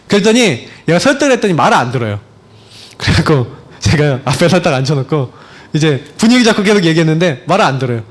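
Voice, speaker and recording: A man in his thirties, a pastor, preaching a conversational sermon full of rhetorical questions and acted-out anecdotes. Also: high-pitched. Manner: acts out his own lines to his child.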